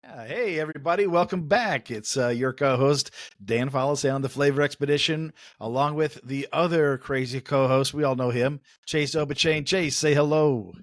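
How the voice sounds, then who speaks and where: A man's voice: a little high, moderate pace, no echo, clean studio sound. A man co-hosting an interview podcast in the United States, talking in an upbeat, rambling way with many fillers. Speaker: podcast co-host. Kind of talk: casual interview chat.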